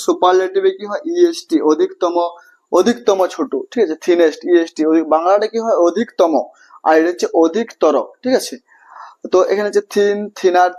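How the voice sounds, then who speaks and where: High-voiced Bengali man teaching grammar. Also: a little mellow. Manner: repetitive, checks understanding often, asks and answers own questions. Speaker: English teacher. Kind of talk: classroom grammar lesson.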